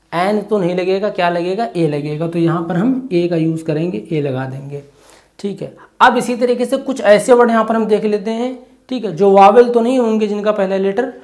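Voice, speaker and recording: A teacher giving an exam-prep lesson, stepping through each point by asking a question and then answering it, and checking in often with a quick "okay". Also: medium pitch, a little mellow. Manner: asks and answers own rhetorical questions.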